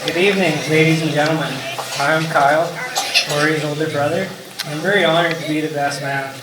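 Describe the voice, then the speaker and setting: A man's voice: a little high, fairly even intonation, a little fast. A young man from Canada giving a wedding toast as best man, telling light anecdotes. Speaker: best man, groom's older brother. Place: large echoey indoor reception room, mic far away. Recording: very echoey, distant, noisy event hall.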